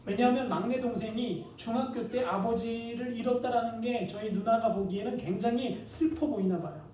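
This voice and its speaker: A man's voice: very high voice, normal speed, a little mellow. Man in his thirties preaching in an echoey church. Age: 30s. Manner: earnest storytelling, acting out prayers and quoted voices. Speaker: pastor. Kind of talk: sermon. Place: church sanctuary. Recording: echoey room with the mic at a distance.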